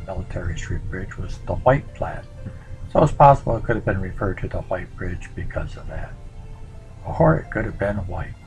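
A man presenting a local history slideshow in a relaxed, conversational way, pausing often on fillers. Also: low voice, low-quality recording.

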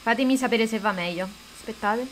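A woman's voice: fairly high pitch, a little fast, slight background noise. A woman chatting casually to her viewers while streaming a game, greeting them and cursing at the controls. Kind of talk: casual live-stream gameplay chat.

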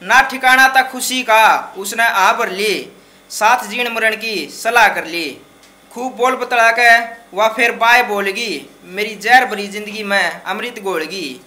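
A man in his twenties from Haryana, India, recites shayari emphatically and dramatically at an open mic, with a Haryanvi accent. His high voice is slow, pushed and bright, picked up by a stand microphone close in front of him on a small, dark indoor stage.

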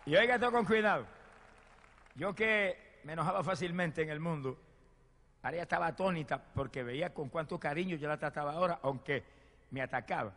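A man preaching a sermon and telling his own testimony, fervent, swinging from loud exclamations to hushed storytelling. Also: a little high, brisk, creaky, some chatter behind. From Puerto Rico. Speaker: evangelist preacher. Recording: long hall reverb.

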